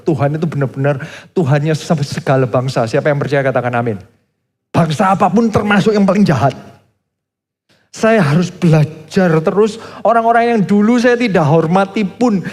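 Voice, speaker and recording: A man's voice: fairly high pitch, a little mellow. A middle-aged Indonesian pastor preaching a sermon, telling stories animatedly and acting out the voices of the people he quotes. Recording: reverberant church hall with faint music.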